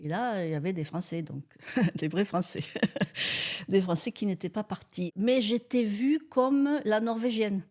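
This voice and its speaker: An older woman from Tarn in southern France tells stories as a guest in a relaxed interview, chatty and colloquial with frequent fillers and laughs. Her medium-pitched voice is darkish and measured in pace.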